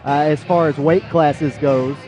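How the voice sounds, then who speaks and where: A man's voice: on the high side, fairly even intonation, unhurried, music in the background. A man calling a live cage fight as play-by-play sports commentator.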